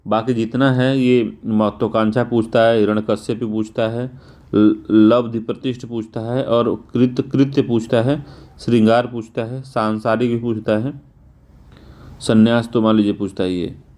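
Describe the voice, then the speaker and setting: A male teacher going through exam answers, spelling words out slowly and repeating them, casual in tone. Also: mid-range voice, little pitch movement, darkish tone. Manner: informal, repeats "theek hai" often.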